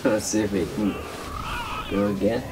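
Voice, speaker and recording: A man's voice: fairly low pitch, fairly even intonation, moderate pace, over loud music. A young man giving casual, sweary gameplay commentary while drunk, rambling as he talks. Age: young adult. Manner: heavy swearing. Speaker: gaming video host. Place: small indoor room at a desk. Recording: distant mic, clear background noise.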